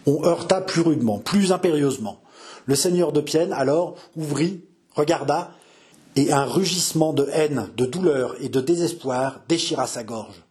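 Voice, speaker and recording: A man's voice: on the high side, moderate pace, darkish tone. A man reading a historical novel aloud with theatrical, emphatic narration. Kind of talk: dramatic audiobook narration.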